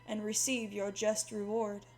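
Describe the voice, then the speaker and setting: A woman's voice: level tone, unhurried, a little mellow, soft background music, close to an everyday voice. A woman reading aloud, voicing a menacing male holiday demon who pronounces judgment with malicious glee. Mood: gloating judgment. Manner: booming, gleefully malicious pronouncements. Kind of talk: horror story reading.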